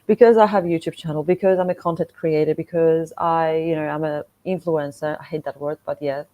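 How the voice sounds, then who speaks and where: A middle-aged Polish woman, a motorcycle traveller and content creator, appears as a podcast guest telling stories in a casual, animated way with a Polish accent. Her voice sits low, steady and fairly quick, with phone-quality sound.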